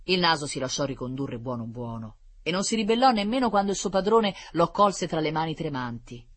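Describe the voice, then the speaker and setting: A storyteller reading a children's fable aloud in an expressive, lively manner. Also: medium pitch, a little fast.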